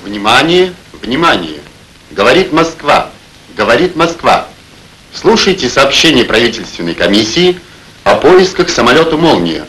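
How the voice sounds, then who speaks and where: A man playing a solemn radio announcer, reading formally and gravely in a 1930s Soviet bulletin style. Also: medium pitch, very animated, normal speed, fairly bright tone, low-quality recording. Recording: hissy old film soundtrack.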